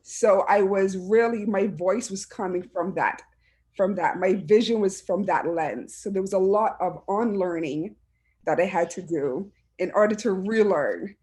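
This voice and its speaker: Unhurried and a little mellow, this medium-pitched woman's voice belongs to a Barbadian education administrator on a panel held over video call. She talks earnestly about personal experience, regularly restarting her phrases.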